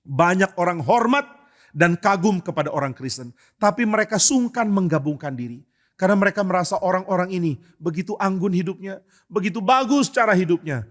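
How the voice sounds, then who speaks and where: Higher-voiced man preaching emphatically. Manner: emphatic preaching with rhetorical questions and acted quotes. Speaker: pastor. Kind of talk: sermon. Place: church.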